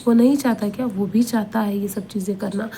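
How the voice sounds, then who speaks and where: A woman's voice: mid-range voice, steady tone, vocal fry, warm tone, a little hiss or hum. A woman giving an Islamic motivational advice talk, earnest and repetitive, pleading with listeners and often checking they agree. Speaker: advice speaker.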